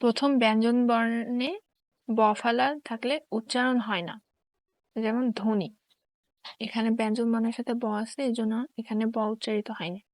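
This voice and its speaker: A woman teacher slowly reading grammar rules and examples in a careful, dictation-like way. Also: on the high side, flat delivery, darkish tone, no room sound.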